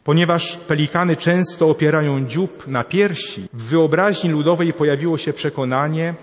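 Male cleric, fairly high voice, solemn address, reverberant church. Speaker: archbishop. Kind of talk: formal homily.

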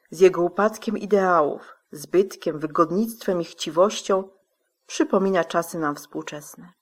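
Lady radio host reading a script, formal, measured, lowish voice. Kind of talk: scripted presentation.

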